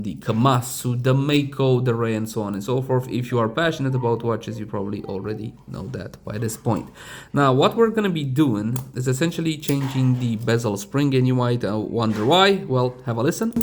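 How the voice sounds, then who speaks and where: A man's voice: mid-range voice, normal speed, a little hiss or hum. Chatty man explaining a watch repair. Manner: chatty, digressive, casual asides. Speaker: watch reviewer. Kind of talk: casual tutorial talk.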